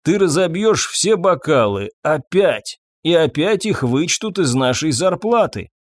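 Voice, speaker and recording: Мужчина-чтец играет усталого, запуганного официанта средних лет, который говорит медленно и умоляюще. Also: male voice, fairly high pitch, very animated, no echo, voice pushed up. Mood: weary. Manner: slow, weary, pleading speech. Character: tired, timid, guilt-ridden middle-aged waiter.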